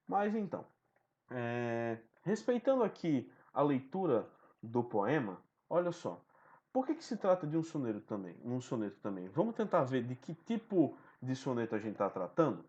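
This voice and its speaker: A man's voice: mid-range voice, sing-song, normal speed, darkish tone. A man teaching a recorded online lesson, explaining step by step and often checking in with the listener. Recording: dull lo-fi sound.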